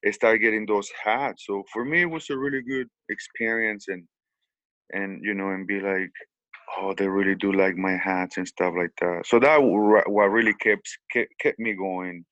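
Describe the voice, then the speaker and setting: A man's voice: on the low side, steady tone, normal speed, fairly bright tone, dry recording, lo-fi sound. A man from Mexico with a Mexican Spanish accent, speaking English as a second language, telling his story in an interview with many restarts and repeated words. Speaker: hat maker.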